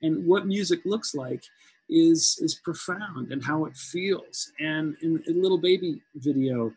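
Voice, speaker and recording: This forties-aged man talks as a guest music professor on a panel video call, wearing a headset mic in a home room; he's thoughtful, conversational, and leans on fillers. His voice sits on the high side, a bit slow, husky and darkish in tone. The low-quality recording has no room sound.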